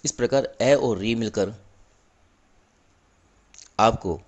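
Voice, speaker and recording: A man teaching a grammar lesson in a low voice, speaking very slowly and deliberately. He repeats each example patiently, drawing out the sounds so students can follow. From India. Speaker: school teacher.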